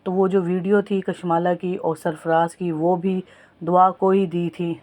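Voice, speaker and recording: A woman's voice: on the low side, flat delivery, a little mellow. A woman casually recapping a TV drama's plot for viewers, talking to them as friends and often correcting herself mid-sentence. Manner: retells plot at length, addresses viewers as friends, frequent self-corrections. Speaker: TV drama reviewer.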